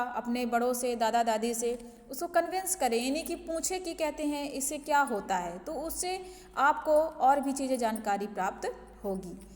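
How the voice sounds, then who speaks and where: A woman teaching a school lesson in a clear, high voice. She keeps checking in with her pupils, slips English words into her explanations, and answers her own questions. The sound rings with a long room reverb. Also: darkish tone. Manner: repeats "ठीक है ना" as a check-in with pupils; asks questions, then answers them herself. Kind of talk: online class lesson explanation.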